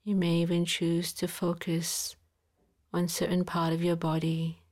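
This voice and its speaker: A woman guiding a body-scan relaxation in a soft, calm voice, sometimes dropping into a whisper, with long pauses. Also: lowish voice. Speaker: meditation guide.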